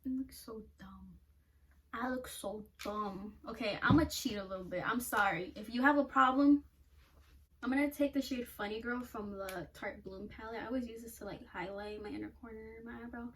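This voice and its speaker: A woman's voice: a little high, moderate pace. A young woman doing a casual makeup vlog, blunt and self-mocking, swearing freely and laughing at herself. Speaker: beauty vlogger. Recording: somewhat distant mic with faint noise.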